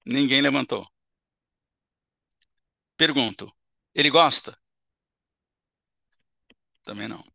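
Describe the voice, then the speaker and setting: Gravelly man lecturing. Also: medium pitch, slow, long pauses, bright, forceful tone, no room sound, studio quality. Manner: explanatory, checks in with listeners with short tag questions. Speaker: seminar lecturer. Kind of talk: spiritist seminar lecture. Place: auditorium.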